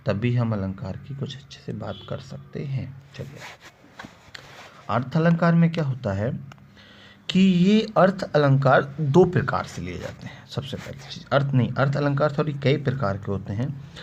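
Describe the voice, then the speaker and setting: A man's voice: medium pitch, a little mellow. A male Hindi grammar teacher giving a classroom-style lesson. He asks and answers his own questions, repeats the key terms, and stretches out each verse example as a recital. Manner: explains slowly, quotes verse examples in a drawn-out recital. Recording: dull lo-fi sound with faint background noise.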